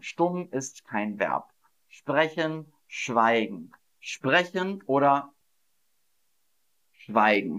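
A man teaching German on a live stream, slowly and patiently repeating words and praising his viewers. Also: mid-range voice, a bit bright. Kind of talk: live-streamed vocabulary quiz. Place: streaming setup at home.

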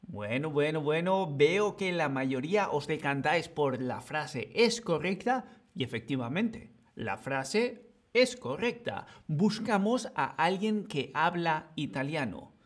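A man's voice: on the high side, animated, takes it slowly. A man teaching a live-streamed grammar lesson, patient and playful, talking to his chat. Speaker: Spanish teacher.

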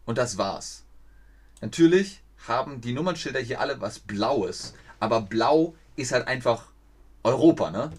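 A man's voice: medium pitch, animated, a little slow, breathy edge. A young man streaming a geography guessing game, thinking aloud, reading viewers' chat and stumbling over foreign place names.

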